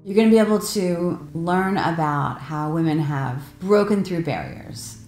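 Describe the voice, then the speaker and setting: A woman's voice: deep voice, expressive, measured pace, a little mellow. A woman talking chattily and candidly in an interview about contributing a story to a book. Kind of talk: casual interview talk. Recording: roomy with faint music.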